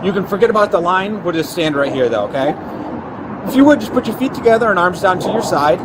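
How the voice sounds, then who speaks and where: A man's voice: high-pitched, animated, fast. A male police officer giving methodical step-by-step instructions and checking understanding, recorded outdoors on a body camera with traffic noise. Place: outdoors at a roadside near a patrol car. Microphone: body camera worn on the officer. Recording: noisy outdoor bodycam audio with traffic.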